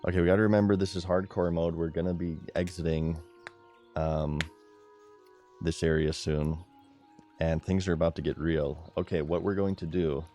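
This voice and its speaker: A man giving live gameplay commentary as a streamer, chatty and excitable, talking straight to his chat. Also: a bass voice.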